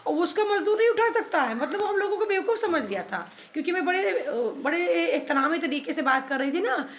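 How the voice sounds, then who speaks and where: A woman's voice: sits high, a bit bright, a little hiss or hum. A woman vlogging from her home under renovation, ranting with indignation and laughing as she tells her story. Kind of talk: casual vlog talk.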